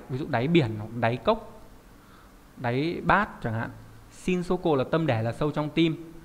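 A man's voice: mid-range voice, in a large hall. Man teaching kanji with rhetorical questions. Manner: chatty, asks the class rhetorical questions. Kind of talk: online lesson explaining kanji.

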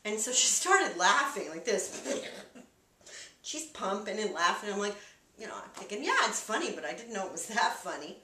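A woman's voice: medium pitch, fairly quick, roomy sound, recorded from a distance, slight background noise. A woman casually telling a funny anecdote, acting out the people in it. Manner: animated, acts out the people in her story. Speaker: storyteller.

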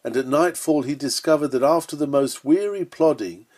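Reading an old-fashioned sermon aloud, this man preaches in an earnest, solemn, emphatic way. His voice is fairly high in pitch yet darkish in tone, and he keeps a moderate pace.

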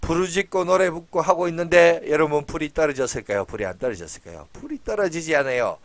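A pastor tells a Bible story to children with real energy, his somewhat high voice leaping up and down as he quizzes them. The sound is dry and close, with no room echo. He keeps the telling playful and easy to follow. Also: quick pace. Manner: animated, asks the children questions.

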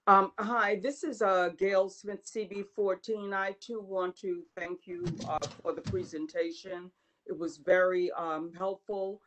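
A woman from a community board speaking haltingly with many ums on a video call meeting. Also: mid-range voice, fairly even intonation, fairly bright tone, slight background noise, rough recording. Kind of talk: asking questions at a public meeting.

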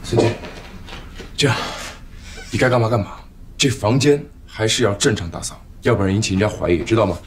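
A man's voice: fairly low pitch, animated, fairly quick, pauses often, background noise, close to an everyday voice. A man acting a bossy, confident young character in a television drama. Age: young adult.

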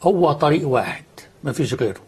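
A man's voice: fairly high pitch, very animated, fast, darkish tone, husky. A man with an Egyptian accent, a studio guest explaining faith earnestly and answering his own questions.

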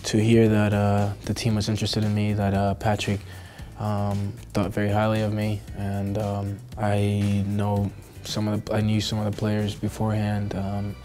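Twenties male athlete from Costa Rica, halting interview delivery, flat low tone, light music bed. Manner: hesitant, many fillers and restarts. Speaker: professional soccer player. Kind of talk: sit-down interview answers. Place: indoor studio backdrop.

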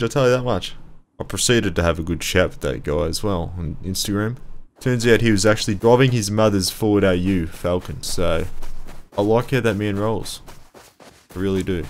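A man's voice: deep voice, normal speed, long pauses. Swearing young guy gaming. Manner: profane, swears freely, animated storytelling. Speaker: gaming YouTuber. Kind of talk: casual gameplay commentary. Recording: background music in the mix.

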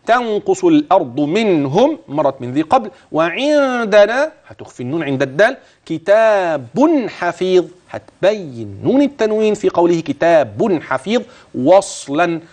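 Egyptian man teaching recitation, lively pitch. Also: moderate pace. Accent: Egyptian Arabic. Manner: patient, corrective, demonstrates each word. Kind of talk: explaining tajweed rules and reciting.

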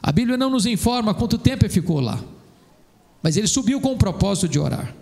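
Brazilian pastor, man, raised gravelly voice, emphatic measured sermon delivery in church. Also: sits high, very animated, a little mellow. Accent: Brazilian Portuguese. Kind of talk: sermon with scripture reading.

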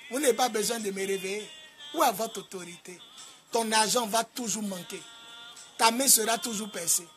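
A man with an Ivorian French accent preaching a sermon in a sing-song cadence, rising to loud shouted commands. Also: sits high, normal speed, faint music behind. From Côte d'Ivoire. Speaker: apostle preacher.

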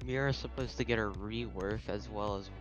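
A man's voice: lowish voice, brisk, muffled recording, music in the background. A man chatting casually with a friend while gaming, in a teasing, argumentative way. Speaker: gamer.

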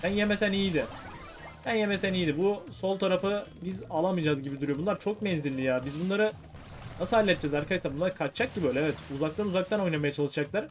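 A man giving excitable, chatty commentary on his own gameplay, talking to viewers and teammates. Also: high-pitched, rapid-fire, faint music behind. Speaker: gaming YouTuber.

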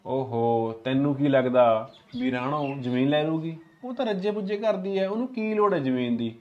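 A man's voice: medium pitch, animated, moderate pace, dull audio, close to an everyday voice. A man playing a grumbling, defensive son who gives in when his sister scolds him. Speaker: son, head of the household.

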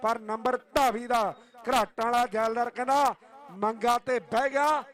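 A man's voice: extremely high pitch, steady tone, moderate pace, fairly bright tone. A man with a Punjabi accent giving live kabaddi commentary and tournament announcements, declaiming and often repeating his phrases.

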